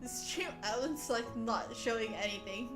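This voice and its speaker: Talking to viewers on a laid-back livestream, this female host is playful, teasing and giggly. She speaks at a normal speed in a fairly high, animated voice, while soft background music runs under her in an echoey room.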